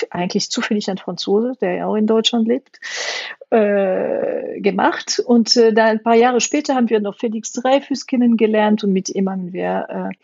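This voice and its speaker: A woman's voice: mid-range voice, vocal fry, darkish tone, husky, no echo, lo-fi sound. A middle-aged woman from France with a French accent, a games industry guest in an interview, speaking hesitantly with many fillers.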